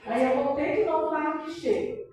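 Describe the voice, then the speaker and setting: A woman's voice: high-pitched, fairly even intonation, normal speed, darkish tone. A middle-aged woman with a Brazilian accent giving an emotional church testimony, breaking in often with praise and prayer. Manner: emotional, peppered with praise interjections. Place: church hall. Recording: very echoey church hall from far off.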